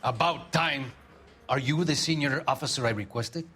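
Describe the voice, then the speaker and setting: A man's voice: mid-range voice, moderate pace, pushed and bright, a little hiss or hum, lightly acted. A man playing a haughty, pompous Argentine diplomat, formal and easily offended, in a crime drama video game. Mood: indignant, haughty.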